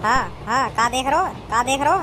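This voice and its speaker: A woman's voice: sits high, a little fast, slight background noise. Woman voicing brash cartoon villager men. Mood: bossy. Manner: loud, threatening, rustic banter. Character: rowdy village men quarrelling on a train. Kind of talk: cartoon voice acting. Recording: music bed under voice.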